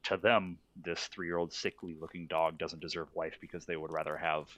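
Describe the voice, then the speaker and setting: A man who is a vegan guest, calmly explaining his views in a casual debate. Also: deep voice, normal speed, a little hiss or hum.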